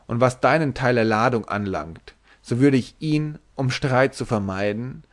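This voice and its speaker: A man's voice: medium pitch, a little slow, close to an everyday voice. A man voicing a short, drunken sailor who is brash, giggly and rambling.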